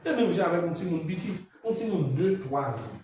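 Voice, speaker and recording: Casting: Haitian-accented male lecturer, slightly high voice, emphatic and repetitive classroom delivery. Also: lively intonation, fairly quick, darkish tone. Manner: switches between French and Haitian Creole, repetitive, emphatic. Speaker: university lecturer.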